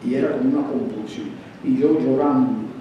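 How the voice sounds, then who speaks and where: A man of about seventy preaching a sermon as pastor, shifting from quiet confession to emphatic exhortation. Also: normal speed, highs cut off. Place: church sanctuary. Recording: echoey church hall, mic at a distance, faint rumble.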